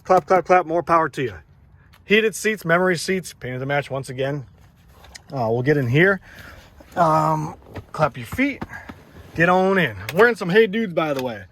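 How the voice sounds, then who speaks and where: A man's voice: on the high side, fairly bright tone, a little hiss or hum. Rambling, eager man showing off a truck. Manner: rambling, filler-heavy, enthusiastic. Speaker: truck seller. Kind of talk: casual vehicle walkaround. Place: outdoors beside a parked truck.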